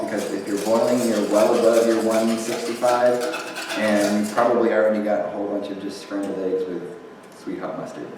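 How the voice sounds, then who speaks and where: A young man who works as a teen librarian walks through a recipe step by step in a kitchen, speaking casually with lots of fillers. His voice is medium-pitched, and the far-mic recording picks up a noisy background, kitchen echo and clattering dishes.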